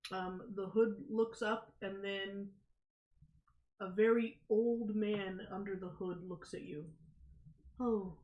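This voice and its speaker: A woman's voice: medium pitch, steady tone, slow, darkish tone, highs cut off. A woman working as game master, narrating a tabletop game casually in an echoey room.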